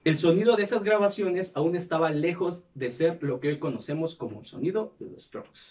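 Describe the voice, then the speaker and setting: A man's voice: fairly high pitch, fairly quick, a little mellow, recorded from a distance. A man with a Mexican accent, hosting a casual podcast and telling a band's history, with heavy slang and crude banter. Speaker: podcast host. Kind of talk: casual chat, reading history.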